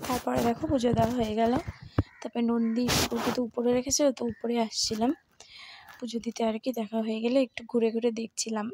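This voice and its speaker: A woman vlogger, chatting in a casual storytelling way while she has a cold, clearing her throat often. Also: on the high side, level tone, fast talker, darkish tone, slight background noise. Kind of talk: casual vlog narration.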